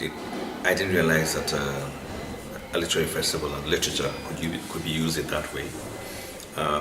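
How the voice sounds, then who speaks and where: A man with a Kenyan accent answering interview questions conversationally, in a halting way with repeated phrases. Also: rumbling low. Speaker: interviewee, literary blogger. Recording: distant, echoey, noisy room.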